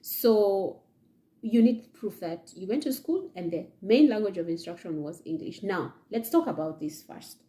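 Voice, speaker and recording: Speaking a little slowly, a young Kenyan woman gives friendly advice to camera in a warm, animated, mid-range voice. She sits indoors in front of a leather chair, peppering her talk with "yeah?" and "okay?" in her Kenyan accent.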